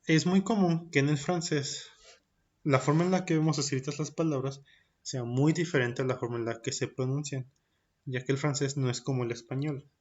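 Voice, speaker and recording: A man's voice: medium pitch, fairly even intonation, darkish tone, lo-fi sound. A man teaching a recorded French lesson for young children. He says each point in French, then repeats it in Spanish, and drills the pronunciation carefully. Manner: slow and deliberate, drilling pronunciation. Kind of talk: recorded primary-school language lesson.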